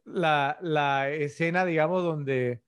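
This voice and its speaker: A man's voice: on the high side, steady tone, slow pace, clear, resonant tone, no echo, clean studio sound. A middle-aged man co-hosting a casual film-review podcast, rambling and full of tag questions. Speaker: podcast co-host.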